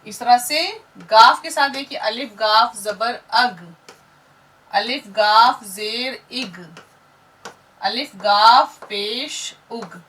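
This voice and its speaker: Female teacher, bright voice, slow and patient, drilling syllables, mic a bit distant. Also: a little high. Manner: patient, drills syllables one by one and has listeners repeat. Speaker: Urdu teacher. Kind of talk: slow classroom lesson, spelling out sounds.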